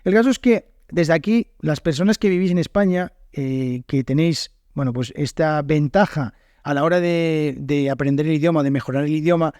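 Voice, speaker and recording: A Spanish teacher from the north of Spain talks through his podcast with a northern Spanish accent, his voice sitting a bit higher than most men's. He thinks aloud, pausing on fillers and correcting himself as he goes. The sound is close and dry, with no room around it. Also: a little mellow, no echo. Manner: unscripted, thoughtful, frequent fillers and self-corrections. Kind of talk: solo podcast monologue.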